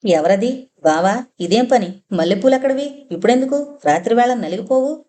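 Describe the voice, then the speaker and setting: A woman's voice: fairly high pitch, lively intonation, normal speed, warm tone, lightly acted. A woman voicing a grieving, torn young blind woman in an audiobook novel, with a tearful, pleading delivery. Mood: anguished.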